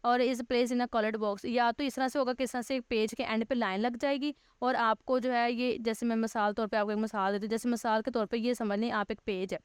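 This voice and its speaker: A woman's voice: fairly high pitch, fairly even intonation, smooth, no echo, studio quality. Patient woman teaching a grammar lesson. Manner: reads English text slowly, then explains it step by step; patient, repeats and rephrases points.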